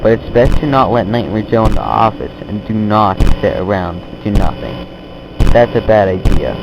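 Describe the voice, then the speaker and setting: A man's voice: lowish voice, moderate pace. A man playing a casual night-shift trainer who gives an offhand briefing in a horror game phone-call monologue, often trailing off. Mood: casual, warning. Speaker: phone guide briefing a new night guard. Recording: noisy amateur recording, clear background noise.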